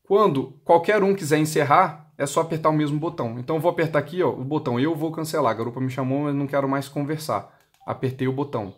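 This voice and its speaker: A man with a Brazilian accent demonstrates a motorcycle intercom step by step for its seller, posing questions and then answering them himself. His voice is fairly high-pitched and his pace quick.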